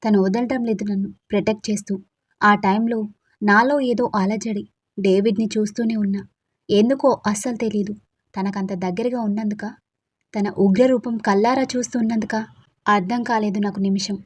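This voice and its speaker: A woman's voice: medium pitch, steady tone, moderate pace, husky. Woman telling an emotional story. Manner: emotional, confiding first-person telling. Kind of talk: scripted first-person audio story narration.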